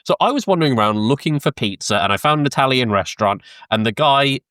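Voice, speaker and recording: A man's voice: medium pitch, animated, fast talker, fairly bright tone, dry recording, clean studio sound. Chatty British man telling travel stories. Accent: British English. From Britain. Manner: rambling storyteller, swears, laughs mid-sentence, many ums. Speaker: podcast co-host. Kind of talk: casual podcast chat. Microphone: close podcast mic, dry sound.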